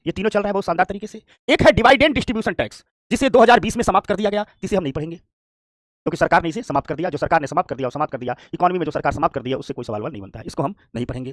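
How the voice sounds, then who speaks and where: A man teaching an economics class, talking quickly and often asking if students understood. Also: high-pitched, no echo, clean studio sound. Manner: fast, lively, repeats "ठीक" and checks understanding; acts out complaining shopkeepers. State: tired from standing. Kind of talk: classroom lecture.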